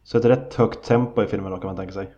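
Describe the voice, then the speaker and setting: A man co-hosts a film podcast in an easy, conversational way and asks his partner questions. His voice is fairly low, and the recording is dull and lo-fi. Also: fairly even intonation, mellow. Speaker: podcast co-host. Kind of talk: casual film chat. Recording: dull lo-fi sound.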